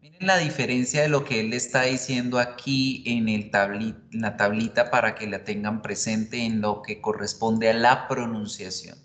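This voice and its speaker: A man teaching English who comments on a video lesson for his students, slowly repeating words to drill their pronunciation. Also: fairly low pitch, fairly even intonation, fairly bright tone, echoey room. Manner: slow, repetitive drilling of pronunciation.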